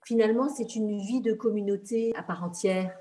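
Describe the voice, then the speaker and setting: Mellow-voiced woman hosting a podcast. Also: mid-range voice, normal speed. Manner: polite, formal questioning. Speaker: podcast host. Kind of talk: interview podcast.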